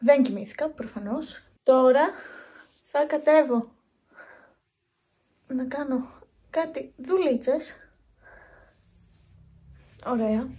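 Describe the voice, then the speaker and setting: A woman's voice: high-pitched, long pauses, mellow, husky. A young woman vlogging in a chatty, rambling way, talking straight to her viewers on a phone held at arm's length. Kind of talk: casual vlog chat.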